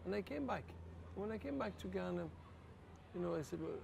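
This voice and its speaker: Gravelly-voiced older Irish priest. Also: male voice, high voice, brisk, noisy background. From Ireland. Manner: earnest, quietly emotional, rises to lively laughter. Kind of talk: reflective personal storytelling in an interview.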